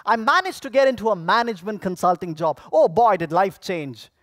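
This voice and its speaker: A man delivering a rehearsed motivational speech, telling stories theatrically with dramatic pauses and projecting to an audience. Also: high-pitched, expressive, a bit bright, no echo, studio quality. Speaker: contest public speaker. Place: on stage at a speech contest convention.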